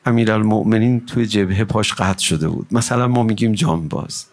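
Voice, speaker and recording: A man giving an emotional religious mourning recitation to a gathering, pleading and impassioned, at times rising into a chant. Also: on the low side.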